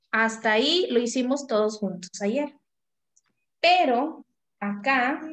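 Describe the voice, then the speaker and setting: A woman's voice: fairly high pitch, slight background noise. Patient woman teacher on a video call. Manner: patient, calls on pupils by name, drills syllables slowly. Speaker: primary school teacher. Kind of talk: online class over video call. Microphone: video call microphone.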